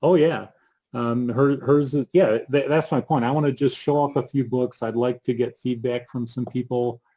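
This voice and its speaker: A man co-hosting a casual book show, halting and full of ums, with dry asides. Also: mid-range voice, fairly even intonation, warm tone, poor audio. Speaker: co-host. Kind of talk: casual chat about books.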